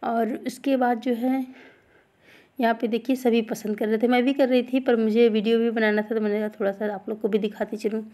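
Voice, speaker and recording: This is a brisk, casual vlog voice-over by a woman around thirty whose voice is fairly high but soft and mellow. With a flat melody, she chats directly to viewers and repeats herself, circling back over the same point.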